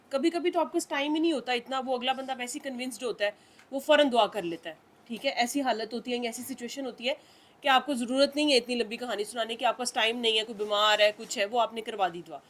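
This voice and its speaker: A woman's voice: a little high, a bit bright. A woman leading a spiritual group, coaching a member in an instructive way and asking "right?" after nearly every point. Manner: instructive, checks in with "theek hai?" constantly.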